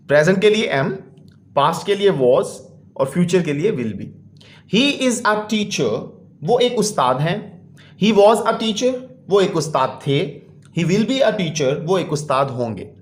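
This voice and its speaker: A man teaching a school English exercise. He reads each English line slowly and then translates it. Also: high voice, big pitch swings, roomy sound.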